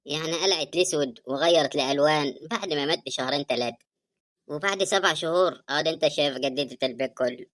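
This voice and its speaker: A woman's voice: sits low, fairly bright tone. Woman voicing a tearful grieving Egyptian sister. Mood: hurt, indignant. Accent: Egyptian Arabic. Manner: tearful, reproachful, fast talking. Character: grieving woman, hurt and bitter over her dead brother. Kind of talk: animated drama dialogue.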